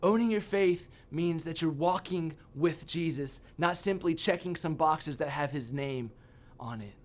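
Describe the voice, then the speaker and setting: A man giving a sermon as a youth pastor, telling a personal story with animated, self-mocking humor. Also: a little high, measured pace.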